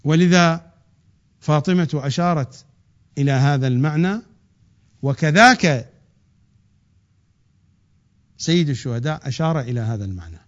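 A man giving a religious lecture, swinging from loud drawn-out emphasis to quick low asides. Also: expressive. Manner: rising to emphatic peaks, then dropping low and rushing; draws out key words slowly. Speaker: preacher. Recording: dull lo-fi recording.

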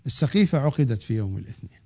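A man giving a religious lecture, swinging from loud drawn-out emphasis to quick low asides. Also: big pitch swings, breathy edge. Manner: rising to emphatic peaks, then dropping low and rushing; draws out key words slowly. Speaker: preacher. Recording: dull lo-fi recording.

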